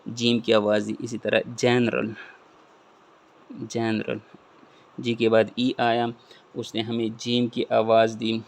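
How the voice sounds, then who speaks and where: Gravelly flat-voiced man teaching phonics. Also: medium pitch. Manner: repeats example words and asks questions he answers himself. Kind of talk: classroom-style explanation.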